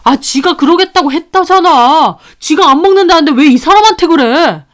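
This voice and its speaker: A woman's voice: high-pitched, very animated, fairly quick, pitched above the performer's own voice. A woman voicing a defensive grown son who argues back at his mother in a dramatized story. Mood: defensive arguing. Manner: arguing, sulky.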